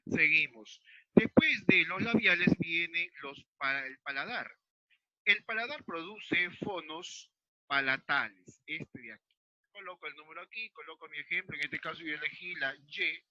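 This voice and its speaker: A Peruvian man teaching an online class, explaining slowly and checking in with his students. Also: on the high side, expressive, sharp tone, no echo. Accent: Peruvian Spanish. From Peru. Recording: dull lo-fi sound.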